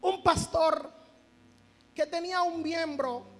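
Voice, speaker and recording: A man's voice: very high-pitched, takes it slowly, a bit bright. A man preaching a sermon at a church retreat. He reads scripture aloud and calls out fervently for amens and praise.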